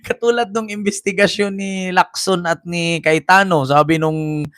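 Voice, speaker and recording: A man's voice: high-pitched, fairly even intonation, moderate pace, a bit bright, dry recording, studio quality. A man giving mocking, laugh-filled commentary over clips and reading viewer comments aloud. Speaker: commentary vlogger.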